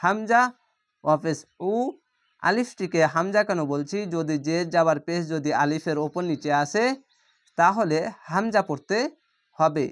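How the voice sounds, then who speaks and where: A man teaching Quran reading, patiently spelling out each letter and vowel mark and then drawing out the Arabic words slowly. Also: fairly high pitch. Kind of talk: spelling-out Quran recitation lesson.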